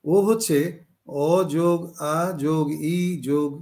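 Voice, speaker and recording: A man giving a spoken lecture on spelling and word roots, explaining slowly with frequent pauses and self-corrections. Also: on the high side, darkish tone. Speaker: teacher.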